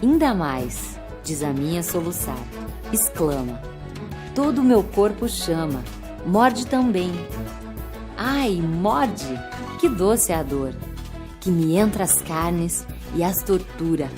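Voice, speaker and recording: A woman slowly reciting poems with expressive delivery. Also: on the low side. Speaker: poetry reader. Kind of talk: recited poetry over music. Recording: music bed behind voice.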